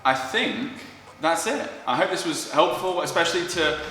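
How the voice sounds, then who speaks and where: The sound is drenched in echo and long reverb, as in a hard-walled indoor space. A man with a bright, forward voice chats informally as he presents his gear for a vlog. His manner is casual and self-deprecating. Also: fairly high pitch, animated, moderate pace. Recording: very echoey, reverberant room, faint music.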